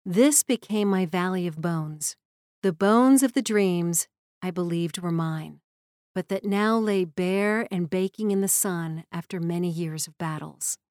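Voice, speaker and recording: A woman's voice: lowish voice, a little slow, darkish tone, no echo. Woman, memoir narrator, earnest and reflective, dry close sound.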